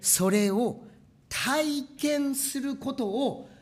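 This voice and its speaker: A pastor telling a story in a sermon, animated and acting out machine noises with sound words. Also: sits high, drawn-out words.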